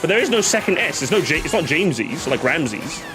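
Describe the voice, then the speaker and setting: A man's voice: on the high side, big pitch swings, brisk. A young man streaming in casual chat, rambling and joking with mock outrage at his chat. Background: music playing.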